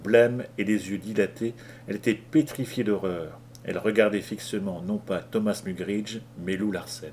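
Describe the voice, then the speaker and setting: A man reads an audiobook in a rather low voice, telling the story with a measured, dramatic delivery. There is faint noise in the background. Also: steady tone, a little mellow. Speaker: audiobook narrator. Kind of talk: audiobook reading.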